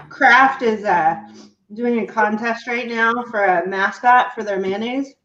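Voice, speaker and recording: A woman competitive eater chatting casually during an eating contest, often clearing her throat. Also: a little high, slow pace, fairly bright tone. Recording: echoey, muffled, noisy room sound.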